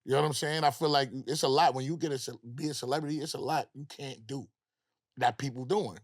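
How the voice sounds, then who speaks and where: A man chatting as a podcast guest, slangy and animated, often tagging lines with "you know what I'm saying". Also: medium pitch, fast, dry recording, clean studio sound. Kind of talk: casual chat.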